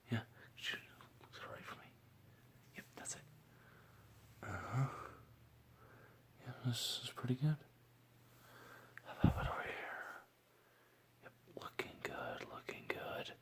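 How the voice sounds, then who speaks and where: A man doing a gentle ASMR roleplay as a mock examiner, soft-spoken, slipping into whispers and giving slow, reassuring praise. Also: lowish voice, slight background noise.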